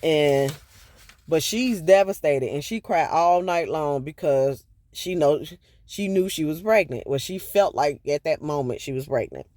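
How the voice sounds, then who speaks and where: A man's voice: on the high side, expressive, measured pace, darkish tone, dry recording. A man casually retelling a book chapter for his viewers, in a loose, chatty way with asides to the audience. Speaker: book review vlogger.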